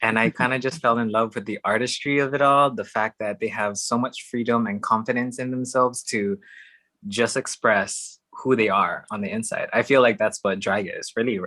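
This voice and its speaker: A young man from Hawaii, a drag performer and podcast guest, chatting casually and warmly and laughing often. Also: lowish voice, steady tone, moderate pace, no echo. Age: young adult. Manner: chatty, warm, laughs often between phrases. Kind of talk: casual chat.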